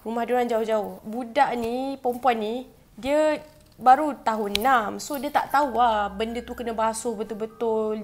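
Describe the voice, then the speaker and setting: A woman with a Malaysian Malay accent, casually telling a ghost story to her viewers with chatty asides. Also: on the high side. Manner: chatty, addresses viewers directly with frequent asides. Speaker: YouTuber telling ghost stories.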